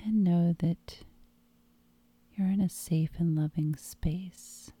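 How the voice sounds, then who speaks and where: Very soft, breathy woman, calm and meditative. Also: fairly low pitch, slow pace, no room sound. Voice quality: soft, breathy, often near a whisper. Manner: calm, soothing, meditative delivery. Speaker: hypnosis guide. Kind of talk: guided hypnosis meditation.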